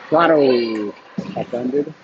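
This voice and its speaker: A man doing live hockey play-by-play commentary in quick, clipped calls that jump up on shots. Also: medium pitch. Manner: rapid clipped calls, bursts of excitement on shots. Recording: dull lo-fi stream audio with noise.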